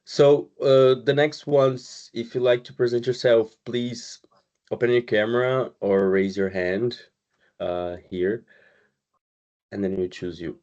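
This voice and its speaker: A man from Brazil, a community manager, hosting an online webinar in a relaxed, conversational way over a video call. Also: medium pitch. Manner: relaxed, conversational, pauses often with "uh" and "um". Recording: slightly muffled video call audio.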